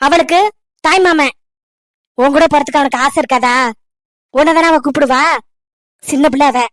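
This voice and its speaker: An older village mother, as a woman puts her on in a cartoon story. She scolds in a high, pleading and reproachful voice. The sound is dry and close. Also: no echo, lightly acted.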